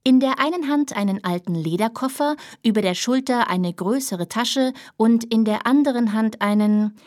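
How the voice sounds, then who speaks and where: A woman reading a children's book aloud in a lively, expressive storytelling manner. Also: on the high side, normal speed, no room sound, studio quality. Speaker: narrator.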